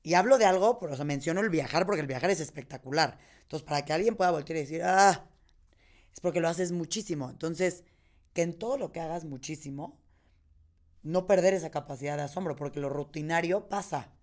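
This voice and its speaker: A woman's voice: low voice, fast talker, a little mellow. Chatty Mexican woman host. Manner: chatty, tells personal anecdotes. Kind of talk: casual conversation.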